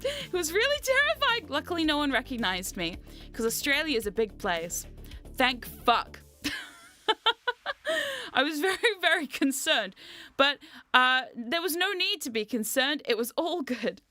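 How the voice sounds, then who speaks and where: A woman livestreamer with a very high-pitched voice chats casually to her viewers, excitable and playfully dramatic. She is jet lagged with a mild sore throat, yet sounds bright and forward as she rambles over faint music. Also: unhurried, pauses often. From New Zealand. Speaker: VTuber streamer and host.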